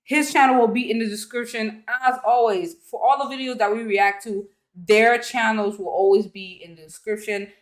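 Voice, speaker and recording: A woman's voice: on the high side, fairly even intonation, normal speed, hardly any pauses. A woman hosting a reaction video in casual chat, talking loosely with slang and frequent laughter. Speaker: reaction channel host.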